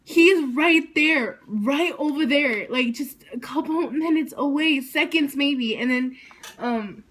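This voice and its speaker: A woman telling a story to her vlog audience, excitable and rambling, saying "like" constantly. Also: high-pitched, slow. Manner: excited, rambling, heavy use of "like". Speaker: vlogger.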